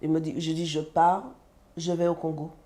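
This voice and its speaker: A woman from the French Antilles, a mother, telling her personal story as a guest in an animated way and acting out the dialogue. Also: deep voice, normal speed. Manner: animated, acts out quoted dialogue. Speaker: guest, mother of a sick child.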